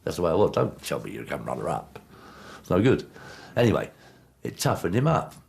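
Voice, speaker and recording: A man's voice: sits low, sing-song, brisk, gravelly, darkish tone, a little hiss or hum. A man giving a blunt, matter-of-fact interview about his past. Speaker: interviewee, former player. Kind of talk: candid interview recollection.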